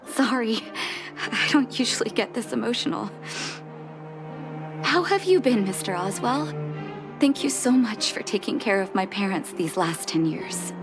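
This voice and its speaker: A woman's voice: fairly high pitch, expressive, unhurried. An actress playing a caring young woman doctor reuniting with her mother, earnest and emotional, over game music. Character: grown daughter, a caring doctor. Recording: game score underneath.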